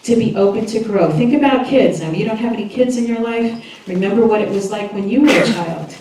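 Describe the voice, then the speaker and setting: A woman minister giving a chatty, lively sermon and laughing often as she talks with the congregation. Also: medium pitch, a little fast. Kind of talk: sermon with audience interaction. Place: church hall. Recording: echoey hall, voice from far off.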